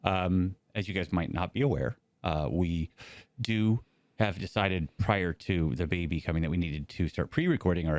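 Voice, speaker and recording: A man's voice: low voice, a little mellow, no room sound. A man with a slight lisp co-hosting a casual chat show, rambling and joking. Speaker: co-host.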